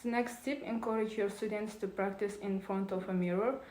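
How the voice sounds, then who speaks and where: A woman's voice: mid-range voice, fairly even intonation, moderate pace, darkish tone, roomy sound, low-quality recording. A woman presenting a prepared talk on teaching, reading carefully with small restarts.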